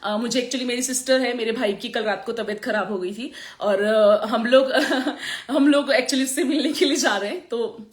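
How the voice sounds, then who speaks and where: A woman makeup artist chatting on a live stream, with a sore throat, animated and laughing often. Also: fairly high pitch, moderate pace, roomy sound. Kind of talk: motivational live chat.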